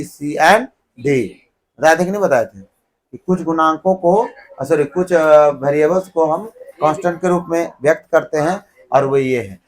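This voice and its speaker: A man lecturing a classroom in with a tinge, his voice sitting a bit high. He fires questions at the class and fills in the answers himself, keeping the lesson moving. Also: rough recording. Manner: keeps quizzing the class, then answering himself. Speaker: teacher. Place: classroom with students.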